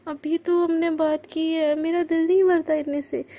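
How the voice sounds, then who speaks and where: Woman doing an affectionate young girlfriend, coaxing, high and mellow voice. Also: little pitch movement, normal speed, highs cut off.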